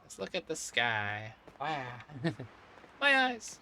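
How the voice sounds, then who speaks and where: Animated, bright-voiced male game streamer. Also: mid-range voice, slow. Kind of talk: casual live gameplay commentary.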